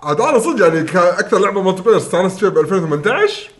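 Animated Kuwaiti man telling a story. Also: sits high, racing. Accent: Kuwaiti Arabic. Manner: animated anecdotes with laughter. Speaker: podcast guest. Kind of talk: casual chat, storytelling.

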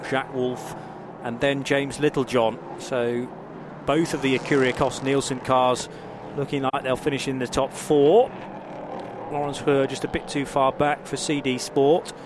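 A man commentating live on a motor race as a motorsport commentator. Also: medium pitch. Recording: clear trackside engine and vehicle noise. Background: car engines and outdoor track ambience.

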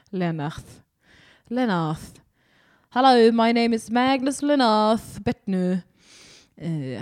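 A woman's voice: mid-range voice, a little mellow. A young woman comedian hosting a live-streamed podcast, chatting casually and rambling as she reads the chat aloud.

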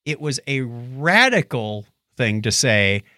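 With a medium pitch and an unhurried delivery, a middle-aged podcast host tells stories playfully and with energy, performing dialogue and humming. The casual co-hosted chat is recorded in a studio with no room sound.

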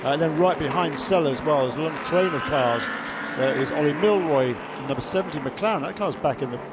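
A man's voice: on the high side, brisk. A man giving live motorsport commentary and analysis, slightly hesitant as he works through the race order. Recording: loud trackside car noise. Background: loud race cars and track ambience.

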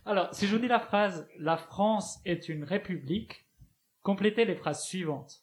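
A man's voice: high voice, measured pace. A man delivering a humorous scripted chronicle as a regular columnist, ironic and full of asides, with co-hosts laughing around him. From Spain. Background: other panelists laughing.

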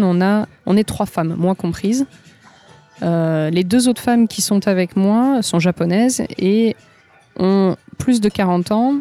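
A woman's voice: medium pitch, dark tone. A woman from France, an interview guest, explaining things at length with frequent hesitations. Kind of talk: conversational interview.

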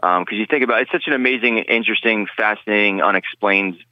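A man's voice: lowish voice, fast talker, no echo, dull audio. A man guesting on a podcast interview, talking earnestly in a rambling way with many restarts. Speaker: guest, paranormal investigator.

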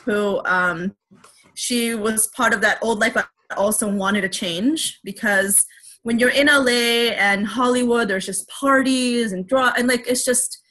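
A woman of Filipino heritage speaks candidly as an interview guest, reflective and open, with many fillers and restarts. Her voice sits a little high and moves a little slowly, sounding pushed and bright.

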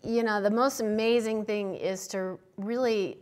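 Chatty woman sculptor, quick laughs. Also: mid-range voice, steady tone, darkish tone. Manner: chatty, laughs often, slows down to stress points. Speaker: guest sculptor and instructor. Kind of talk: casual interview chat.

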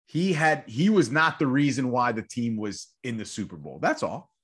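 A man's voice: medium pitch, expressive, moderate pace, a bit bright, slightly rough. A man co-hosting a sports podcast, debating in a fired-up, rambling way and repeating himself as he talks. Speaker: podcast co-host.

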